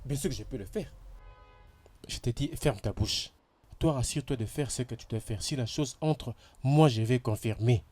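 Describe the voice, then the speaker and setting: A man's voice: mid-range voice, normal speed, no room sound, close to an everyday voice. A man voicing a bossy, scheming boss. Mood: defensive. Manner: commanding, snaps orders, hushes. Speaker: household boss. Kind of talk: French film dub.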